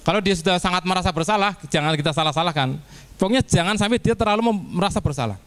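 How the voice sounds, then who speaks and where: A man's voice: high-pitched, quick pace, a bit bright, smooth. A man, a teacher, giving a casual training presentation to fellow teachers, chatty and acting out little classroom dialogues. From Indonesia.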